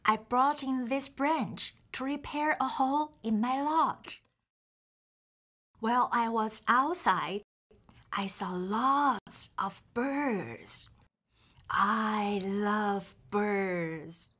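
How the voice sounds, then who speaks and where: A woman voicing a friendly, curious young male beaver puppet in a children's show, chatting gently and straight to the viewer. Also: high voice, slow pace, heavily acted.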